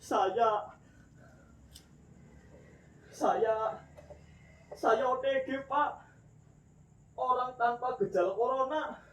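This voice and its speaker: A man's voice: very high-pitched, very slow, long pauses, a bit bright, recorded from a distance, a little hiss or hum, exaggerated voice. A man playing a whimpering thief begging for mercy. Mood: pleading. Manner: pleading, whimpering. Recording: roomy echo with faint music.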